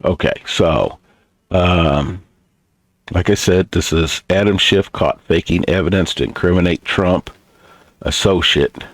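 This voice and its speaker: An older man with a gravelly grandpa voice, rambling casually and bluntly as a reaction video host, halting and unhurried. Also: deep voice, dry recording.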